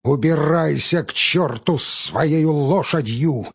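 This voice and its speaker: A man voicing a stern, gruff forest warden who speaks curtly and commands. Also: medium pitch, very animated, slow, darkish tone, full character voice. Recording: dull audiobook recording with faint music.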